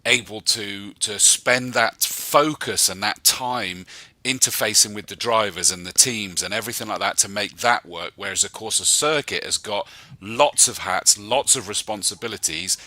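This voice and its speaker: Bright-voiced male host, dry sound. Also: on the low side, normal speed, dry recording. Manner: enthusiastic, talks in long run-on sentences. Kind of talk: casual interview chat.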